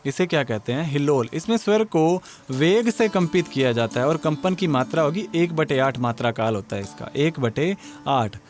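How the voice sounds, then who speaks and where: A man's voice: fairly high pitch, animated, normal speed, few pauses. A male music teacher giving an exam-prep lecture, explaining step by step and asking and answering his own questions.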